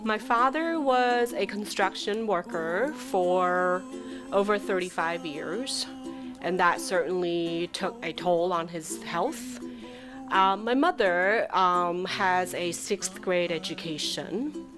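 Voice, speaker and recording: A woman speaking in an interview, unhurried and reflective. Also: lowish voice, over music.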